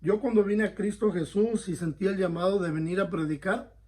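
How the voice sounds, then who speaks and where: Here a pastor leads Bible study in a high, slightly mellow male voice, earnest and conversational. He stops often to confirm his audience is keeping up, and he frequently corrects himself partway through phrases.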